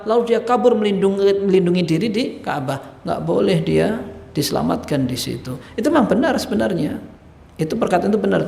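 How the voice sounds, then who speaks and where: High-voiced, gravelly man teaching in a mosque. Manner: lively, acts out quoted dialogue. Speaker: religious teacher. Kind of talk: mosque study lecture. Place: mosque hall. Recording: echoey mosque hall.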